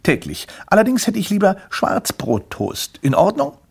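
A man's voice: high-pitched, wildly swooping pitch, normal speed, vocal fry, slightly rough, pitched above the performer's own voice, exaggerated voice. A man voicing a picky grown man who tastes and critiques a slice of toast, in a storybook reading. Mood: chatty fussy. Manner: picky, chatty. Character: fussy grown man customer.

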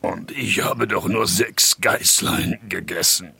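Greedy storybook wolf, deep and gravelly, slow, a man putting it on; faint noise behind. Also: bright, forceful tone, full character voice. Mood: grumbling. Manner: low, gravelly grumble. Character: big greedy male wolf, sluggish.

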